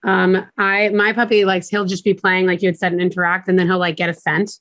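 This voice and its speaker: Relaxed lower-voiced woman trainer. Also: brisk. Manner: relaxed, loose with fillers like "like". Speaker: dog trainer. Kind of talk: casual roundtable chat.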